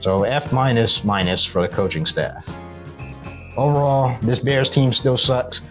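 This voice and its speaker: A man's voice: medium pitch, measured pace, soft background music. A man hosting a solo sports recap, giving blunt, critical commentary. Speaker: sports video host.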